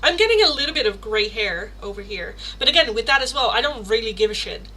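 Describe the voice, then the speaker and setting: A woman's voice: a little high, expressive, fast talker, pushed and bright, low-quality recording. A woman in her thirties hosting a casual live stream, chatting with viewers and answering their questions. She jokes about herself, laughs often and swears casually. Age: 30s. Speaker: tarot livestream host.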